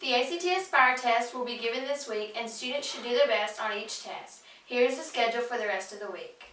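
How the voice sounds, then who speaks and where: A woman's voice: fairly high pitch, fairly quick. A young female student reading scripted announcements in the style of a school intercom. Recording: echoey, distant mic, faint room noise.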